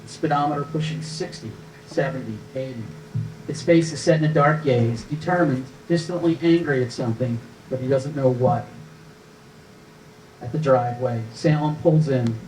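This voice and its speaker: A man with a medium-pitched, darkish voice reads a screenplay's stage directions as scripted narration during a live table read. A distant microphone picks him up.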